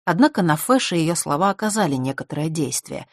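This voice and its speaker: A woman narrating an audiobook in a measured, even storytelling manner. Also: low voice, dry recording, studio quality. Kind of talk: scripted narration.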